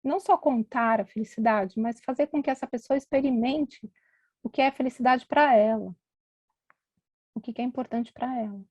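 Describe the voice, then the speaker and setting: A woman's voice: a little high, moderate pace, a little mellow, husky, dry recording, highs cut off. A middle-aged woman, a physician, giving a conversational storytelling talk at an event and acting out the voices of the people in her stories.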